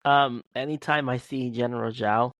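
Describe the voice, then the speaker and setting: A man's voice: medium pitch, fairly even intonation, normal speed, a bit bright, no echo, rough recording. A man co-hosting a casual podcast, rambling with many restarts and fillers. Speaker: podcast co-host. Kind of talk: casual chat.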